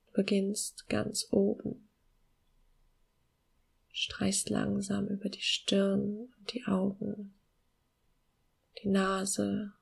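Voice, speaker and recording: A woman guiding a meditation in a soft, hushed, soothing near-whisper with long pauses and a breathy voice. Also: medium pitch, completely flat delivery. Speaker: podcast host guiding a meditation.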